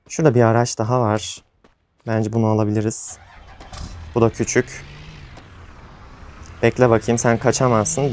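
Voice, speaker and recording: A man's voice: fairly low pitch, slight background noise. A young man giving casual commentary over his own gameplay, often exasperated and venting to viewers. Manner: frustrated, exasperated outbursts, rambling to viewers. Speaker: gaming YouTuber.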